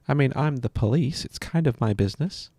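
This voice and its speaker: A man's voice: mid-range voice, expressive, a little fast, dark tone, slightly rough, no echo. A man casually playing a video game, reading his dialogue choices aloud with a playful, joking manner. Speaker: gameplay streamer. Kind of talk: casual let's-play commentary. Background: game music.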